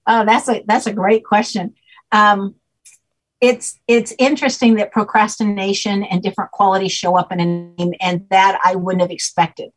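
Faint music sits behind an older woman speaking as an expert guest via video call from home, and the recording is rough. Her mid-range voice stays level at a moderate pace as she explains at length, teacher-style, often asking "okay?"

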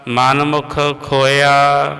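A man, teaching scripture by chanting each line slowly and stopping to correct pronunciation. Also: medium pitch, monotone, vocal fry, sharp tone, big-room sound, rough recording. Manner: slow measured chanting, breaks into quick spoken corrections.

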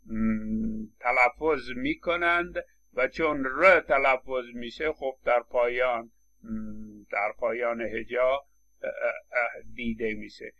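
A man's voice: medium pitch, highs cut off. A man lecturing on English phonetics, explaining step by step with frequent hesitation fillers. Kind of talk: university lecture.

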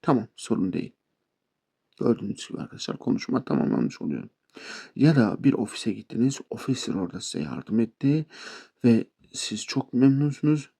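Male tutor, chatty and playful with his viewers, warm gravelly voice. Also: mid-range voice, sing-song, brisk. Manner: chatty, addresses viewers as friends, playful asides. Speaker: English teacher. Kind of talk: casual spoken language lesson.

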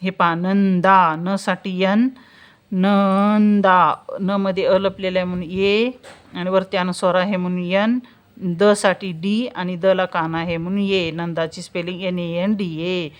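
A woman teaching spelling step by step, saying example words slowly and answering her own questions. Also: lowish voice, little pitch movement, highs cut off. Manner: slow, drawn-out pronunciation of example words, asks questions and answers them herself. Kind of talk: spelling lesson, explaining step by step.

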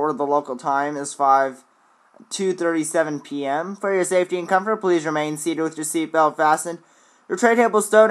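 A man's voice: on the high side, fairly bright tone. A man delivering a formal airline cabin announcement in scripted phrasing, like a flight attendant addressing passengers. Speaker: video host, flight simulator player.

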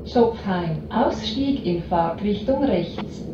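A woman reading formal, measured train stop announcements over a train intercom. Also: medium pitch, lively intonation, recorded from a distance. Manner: formal, measured, evenly spaced phrases. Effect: heard over a train intercom speaker. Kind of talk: recorded station announcements. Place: inside a moving train. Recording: echoey tinny train speaker from afar, loud music.

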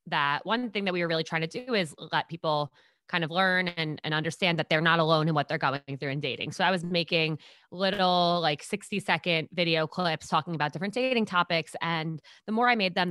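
A bubbly New York woman in her twenties, appearing as a podcast guest, tells stories in casual chat and acts out what people said. Her voice sits low but sounds bright and forceful, recorded in studio quality with no room sound.

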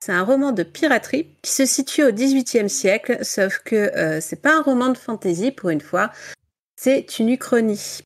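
A woman's voice: fairly high pitch, animated, moderate pace. A woman talking casually in a book club, presenting a novel with many fillers and frequent laughter.

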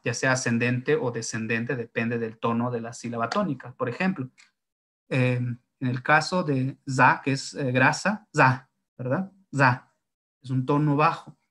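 A man's voice: mid-range voice, fairly bright tone. Zapotec-native man explaining tones. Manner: thinks aloud with many fillers and tag questions. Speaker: linguist. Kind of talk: explanatory talk on writing tones.

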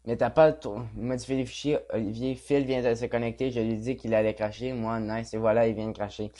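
A man's voice: medium pitch, flat delivery, a little fast, warm tone. A young man with a Quebec French accent casually reads a chat log aloud as a gaming vlogger, mumbling and swearing offhand.

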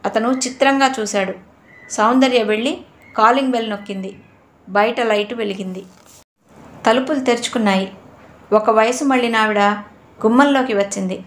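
Woman narrating a novel, fairly high voice. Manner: steady, measured storytelling. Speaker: audiobook narrator. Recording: roomy echo.

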